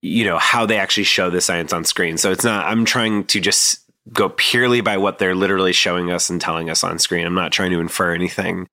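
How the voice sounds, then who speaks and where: A man's voice: low voice, fairly even intonation, brisk, few pauses, sharp tone, no room sound, clean studio sound. A man in his thirties hosting a casual podcast, rambling with plenty of fillers and restarts. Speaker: podcast host.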